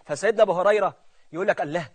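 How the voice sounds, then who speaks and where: A man with an Egyptian accent preaching a colloquial sermon, swinging between loud emphasis and hushed, near-whispered lines. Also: high voice, animated, racing. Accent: Egyptian Arabic.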